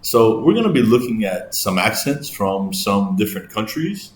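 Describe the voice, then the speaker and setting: A man with an English accent chats through an explainer video, thinking aloud as he goes. His voice sits very low, and the recording is roomy with a faint hum of ambience underneath. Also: very animated, normal speed. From England. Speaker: host, English teacher.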